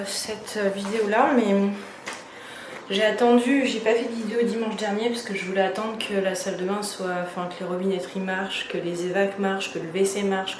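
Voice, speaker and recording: In an echoey room with a noisy background, a DIY renovation vlogger talks casually to the camera while redoing her own bathroom. Her voice sits at a medium pitch, and she vents her annoyance through plenty of fillers and restarts.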